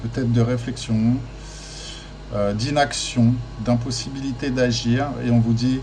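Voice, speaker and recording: A man talks through a tarot reading in an easygoing, stop-start way, often pausing on fillers and repeating words. He keeps urging his listeners on. His voice sits at an everyday middle pitch, and a steady noise hangs under the recording. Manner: hesitant, many fillers and restarts, encouraging. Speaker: tarot card reader. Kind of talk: casual spoken guidance.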